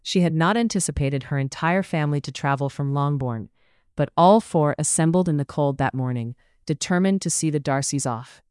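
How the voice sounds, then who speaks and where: Smooth, measured audiobook narrator. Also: medium pitch, darkish tone, no room sound, clean studio sound. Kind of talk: scripted narration of a romance novel.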